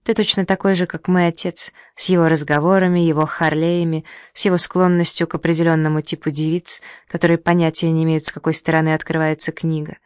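An audiobook reader voicing a proud, sharp-tongued young woman who speaks with sarcasm and indignation. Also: low-pitched, flat delivery, fast, few pauses, clear, resonant tone, no room sound, clean studio sound, close to an everyday voice. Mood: furious. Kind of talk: audiobook dialogue.

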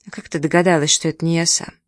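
A man's voice: a little high, flat delivery, racing, dry recording, studio quality, close to an everyday voice. A reader voicing a moody, self-pitying young man who grumbles and sulks, in a storybook reading. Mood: sulky. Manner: sulky, brooding.

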